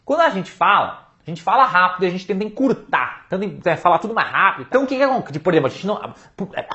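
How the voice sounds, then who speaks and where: Lively Brazilian man teaching English. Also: sits high, very fast. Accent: Brazilian Portuguese. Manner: energetic, playful, hypes his materials. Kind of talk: casual online English lesson. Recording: slightly dull lo-fi sound.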